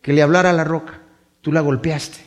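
Un predicador que da voz a Dios como un padre sereno que corrige con suavidad. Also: male voice, a little high, steady tone, a little fast, lightly acted. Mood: calm rebuke. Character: the Lord, calm gently correcting father.

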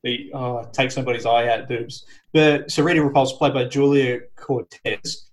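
A man's voice: medium pitch, steady tone, moderate pace, low-quality recording. Co-host, man in his thirties, keen film-trivia talker, chuckles often. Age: 30s. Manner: enthusiastic, shares trivia with chuckles. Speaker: podcast co-host. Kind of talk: casual film review chat.

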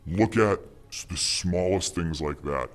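An anonymous man interviewed with his voice electronically distorted to sound very deep, giving smug, conspiratorial advice. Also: measured pace. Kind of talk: mock interview.

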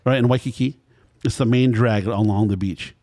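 With a steady, dark, medium-pitched voice at a moderate pace, a man in his fifties hosts a casual food podcast. He tells long, rambling anecdotes that wander through the interview chat.

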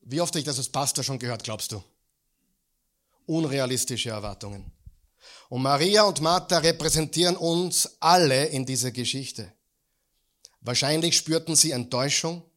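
A man preaching a sermon as pastor in a church, asking the congregation questions and swinging from loud peaks to quiet low lines. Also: moderate pace, pauses often.

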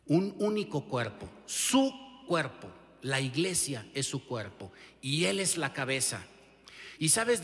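A man's voice: on the high side, in a large hall. A male pastor with a Mexican Spanish accent preaching a sermon emphatically, often turning to the listener with rhetorical questions. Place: church sanctuary.

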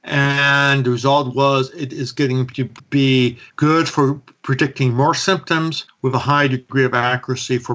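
Man on a muffled low-quality stream. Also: a bit bright. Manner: earnest, detailed explanations with frequent "um". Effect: low-quality remote audio stream. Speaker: podcast guest, creator of a free microbiome website. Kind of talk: explaining in an interview. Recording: muffled lo-fi remote call audio.

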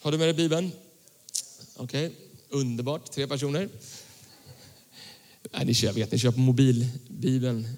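A young male pastor preaching a casual sermon, reading scripture and talking in a relaxed, slangy way to his congregation. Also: mid-range voice, pauses often. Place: church hall. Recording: church hall with long reverb.

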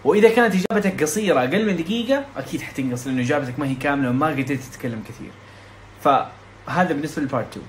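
Young guy explaining an exam super fast, fairly high voice, a little hiss behind. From Saudi Arabia. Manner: quick, chatty, frequent restarts, mixes English terms. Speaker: IELTS exam tutor. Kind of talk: casual explanatory lesson.

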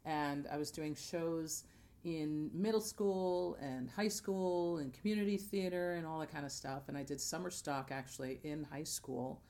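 Measured in pace, with a low, dark-toned voice, this American woman, a theater singer born in Jamaica who grew up in New Jersey, talks informally on a podcast. While recounting her story she acts out bits of dialogue.

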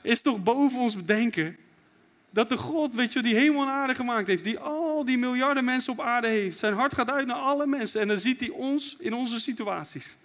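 High-voiced fervent pastor preaching. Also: male voice, moderate pace, a bit bright. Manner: fervent preaching, voices prayers and God's words. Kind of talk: sermon.

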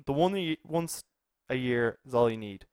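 A young man chatting casually on a podcast, spinning a rambling story about a night out. His voice sits at an ordinary pitch, and the recording is dry and close, with no room sound. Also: normal speed, clean tone, no room sound. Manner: rambling, animated storytelling with restarts. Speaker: podcast co-host. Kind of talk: casual chat.

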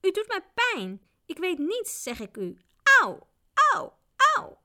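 A sniveling male inn servant, voiced by a woman reading a storybook squeals and whimpers in a thin, raised voice. The tone stays smooth and clean throughout. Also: a little high, moderate pace, close to an everyday voice. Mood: whimpering. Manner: whimpering, cries out in pain. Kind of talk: audiobook character voice.

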